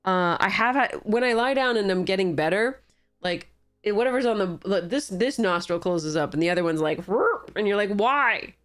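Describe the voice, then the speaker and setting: A woman's voice: medium pitch, brisk, no echo, studio quality. A woman with a congested, stuffy nose, commentating casually and wryly on a game as she streams.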